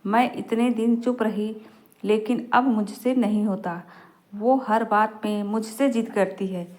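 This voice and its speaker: Harsh, stubborn old mother-in-law, read by a woman narrator, mid-pitched. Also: steady tone, a little slow, darkish tone, natural voice. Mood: scolding. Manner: harsh, scolding.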